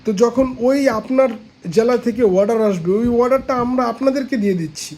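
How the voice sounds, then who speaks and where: A man from Bangladesh giving a casual sales pitch, persuasive and repetitive, pointing out products as he talks. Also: quick pace, a little mellow, low-quality recording. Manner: persuasive, repeats points, shows products while talking. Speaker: seller pitching a pigeon feed dealership.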